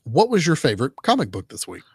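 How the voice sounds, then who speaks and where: A man's voice: medium pitch, huge pitch swings, fast, darkish tone, breathy edge, no room sound, studio quality. A man co-hosting a comic book podcast, recapping a story in casual chat with lots of fillers and restarts. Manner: rambling, many fillers and restarts. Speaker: podcast co-host.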